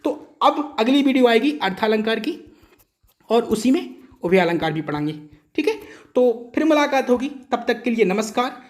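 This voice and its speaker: A man's voice: very high voice, big pitch swings, normal speed. A male Hindi teacher giving an exam-prep grammar lesson, explaining patiently, repeating each point and checking that students follow.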